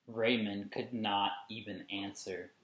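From a small, echoey room at home, filmed at a distance, a thirtysomething man gives a deliberate, expressive storybook reading for little ones, with emphatic explanatory asides. His voice sits on the low side, fairly bright and steady in tone, and his pace is slow.

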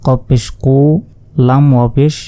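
A man teaching word-by-word Quran reading, spelling out each letter and vowel mark before slowly joining them into the recited word. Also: medium pitch, level tone, mellow. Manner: slow, drawn-out recitation of joined words.

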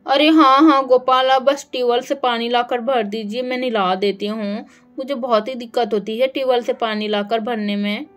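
A woman's voice: fairly high pitch, steady tone, normal speed, faint music behind, lightly acted. A woman voicing a young village mother in a doll story, caring and coaxing. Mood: motherly. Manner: coaxing and motherly, fond pet names.

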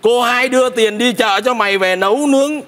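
A man's voice: extremely high pitch, brisk, fairly bright tone, long reverb tail. A blustering old father. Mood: scheming. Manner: blustering, scolding. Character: stern old father, quick to accuse. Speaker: father, master of the house. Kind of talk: stage comedy sketch.

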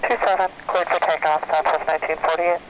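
A man's voice: on the high side, flat delivery, fast talker. A man speaking as an airline pilot over the radio, giving clipped, routine readbacks. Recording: noisy radio transmission.

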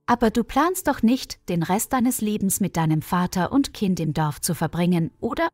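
A loyal, protective young woman with a fiery streak , as a female reader plays her. She speaks bluntly and encouragingly, and her pitch moves a lot. The recording is dry and close. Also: lively intonation, normal speed, darkish tone, no room sound, soft background music, close to an everyday voice. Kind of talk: storybook reading.

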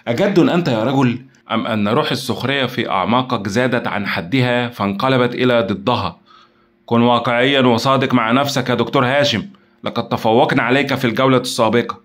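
A man's voice: mid-range voice, quick pace, natural voice. A man playing a decisive male team leader in an audio drama, speaking firmly and with authority. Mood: mocking. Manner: firm, decisive, mocking toward the villain.

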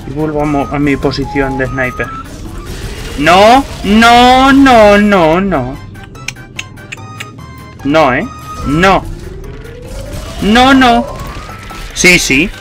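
A young Spanish man plays a horror game and talks over it with a high voice that jumps all over, cursing and yelling at the monsters. Faint game music runs underneath. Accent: Spain Spanish. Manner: swears a lot, yells at enemies. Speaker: gameplay commentator. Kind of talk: let's play commentary.

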